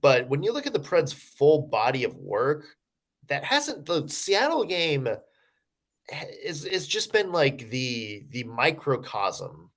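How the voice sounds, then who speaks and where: Here a podcast co-host speaks slowly in a fairly high, sing-song voice while chatting casually about sports. He meanders through his analysis, filling gaps with fillers and often restarting his thoughts.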